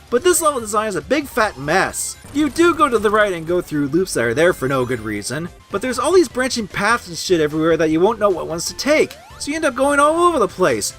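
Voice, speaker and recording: A video game reviewer with a high-pitched, fairly bright voice performs a comedic angry gamer parody. In scripted narration broken by outbursts, he rants and swears in exasperation like a raging gamer.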